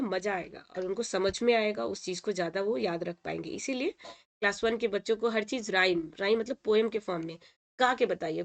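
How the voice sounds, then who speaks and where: A woman teacher talks through a lesson at an even, medium pitch. She repeats each word slowly and checks in often with short confirmations. Her manner is patient and steady. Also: creaky. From India. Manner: patient, repeats words and says "ठीक है" often. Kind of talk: explaining a textbook lesson in Hindi.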